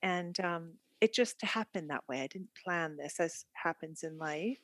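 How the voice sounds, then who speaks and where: A guest art therapist, a middle-aged Canadian woman with a Canadian accent, reflects openly in a podcast interview, chatty and laughing easily. She speaks a little slowly in a lowish, fairly bright voice, and the recording is dry.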